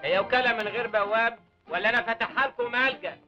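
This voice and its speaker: An actor with an Egyptian Arabic accent playing an indignant, proud man who scolds loudly in an old film comedy. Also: very high-pitched. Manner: loud, rapid, indignant scolding. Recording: dull old film soundtrack with music.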